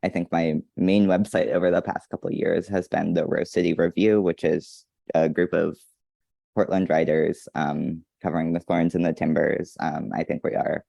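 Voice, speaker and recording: Male guest writer, very deep gravelly voice, hesitant, dry sound. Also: flat delivery, normal speed, dark tone, dry recording. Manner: hesitant, many "um"s. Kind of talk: casual interview chat.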